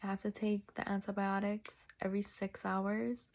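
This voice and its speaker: A tired woman chatting casually in a personal vlog, halting and sore-mouthed as she recovers from wisdom teeth removal. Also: mid-range voice, little pitch movement, a little mellow. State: sore mouth, recovering two days after wisdom tooth surgery. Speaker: vlogger.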